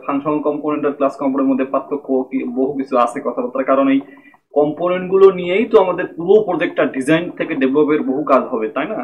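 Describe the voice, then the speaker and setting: Man teaching code over a tinny mic. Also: on the high side. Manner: explains step by step with frequent "okay?" check-ins and restarts. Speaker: programming tutor. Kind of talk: screen-recorded coding lesson. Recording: tinny phone-like mic with faint noise.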